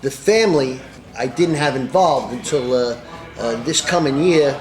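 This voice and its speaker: A man's voice: mid-range voice, moderate pace, roomy sound, soft background music. A middle-aged man leading a swim club, talking in a casual interview, boisterous and full of uh fillers. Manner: boisterous, hesitant with many uh fillers. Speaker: polar bear club ringleader.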